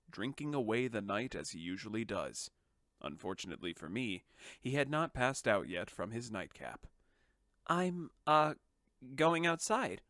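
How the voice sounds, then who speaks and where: A man narrating a comedic parody of a storybook, shifting from a calm reading into crude, sarcastic asides. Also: lowish voice, dry recording, studio quality. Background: background music.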